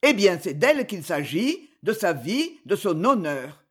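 A man's voice: high-pitched, very animated, a little slow, slightly rough, exaggerated voice. A man reading a novel aloud, voicing an earnest young magistrate who pleads insistently.

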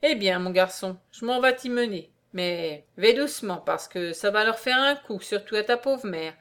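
A woman's voice: medium pitch, lively intonation, moderate pace, a bit bright, close to an everyday voice. A woman reading aloud, voicing a kindly, fussy old man on crutches who talks in a fatherly, exclaiming way.

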